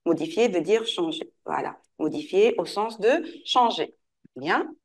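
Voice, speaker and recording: A woman teacher giving an online French lesson to a pupil, patiently repeating and modeling words slowly. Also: fairly low pitch, animated.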